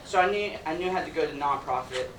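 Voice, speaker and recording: A man's voice: on the high side, fast. Young man presenting in a roomy hall. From Ecuador. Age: young adult. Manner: upbeat, conversational, jokey. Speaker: student presenter. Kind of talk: presentation talk. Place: event hall with audience. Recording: roomy, distant mic, noisy.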